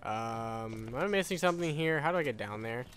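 Fairly quick and lively in intonation, this man has a mid-range, fairly bright voice with a little hiss or hum on the recording. As a gaming YouTuber, he offers casual live commentary, muttering questions and swearing mildly while game sound plays faintly behind him.

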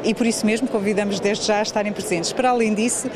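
A woman in her forties, a municipal president, interviewed at a trade fair stand, inviting visitors and pausing with fillers. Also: medium pitch, fairly even intonation. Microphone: handheld reporter mic. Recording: background noise from fair hall.

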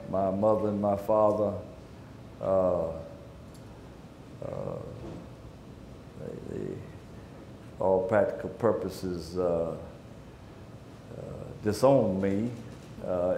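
Slow, deep older man. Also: a little mellow, a little hiss or hum. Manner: halting, many fillers. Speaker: retired minister, panel guest. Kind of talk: panel discussion. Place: library event hall. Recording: echoey room.

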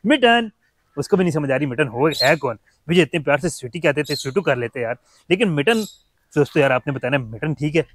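A man's voice: on the high side, fast talker, a little hiss or hum. A man chatting casually as he shows his mini zoo, fondly talking to his birds and pets. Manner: chatty, fond, talks to his animals. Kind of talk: casual vlog chat.

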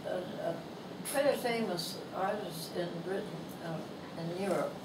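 A Canadian woman in her nineties, an author, reads her own humorous essay in a bookstore with a slow, gentle, amused delivery. Her voice is thin, not strong, and fairly low in pitch. A lapel mic is used while she's filmed from across the room, so the echoey shop ambience and background noise sound distant.

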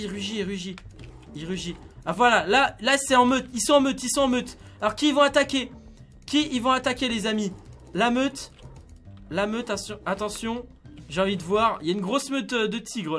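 A man giving casual, excitable commentary on a video game, chatting to his viewers like friends. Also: sits high. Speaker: gaming YouTuber.

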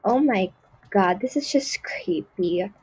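Here the same snooty rich-girl character is voiced by a woman in a gameplay role-play skit, dripping with haughty disgust and dismissive "like"s and "ew"s. She sounds husky and darkish in the mid range, slow but lively in intonation and heavily acted, though the audio is poor.

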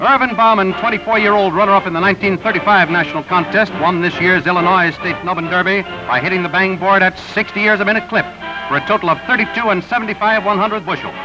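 A man reading scripted newsreel narration in a brisk announcer delivery, heard through an old 1930s newsreel soundtrack. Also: high-pitched. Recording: dull lo-fi 1930s newsreel with music. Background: music bed.

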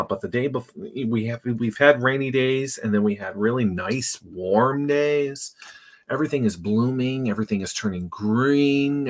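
With a husky, fairly low voice, this man hosts a casual live stream as a podcast host, calling out viewers by name while he chats.

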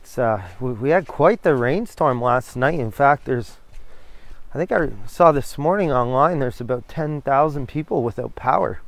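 A middle-aged vlogger from New Brunswick, Canada, chats casually while hiking through windy coastal woods, rambling and cutting himself off as he talks into a handheld camera. His medium-pitched voice is expressive, with vocal fry and a normal pace. The recording has no room sound.

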